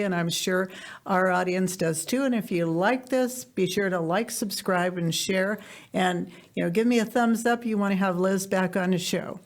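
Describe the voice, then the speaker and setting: Woman podcast host, from the East Coast, gravelly voice, effusive casual chat. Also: medium pitch. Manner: effusive and chatty.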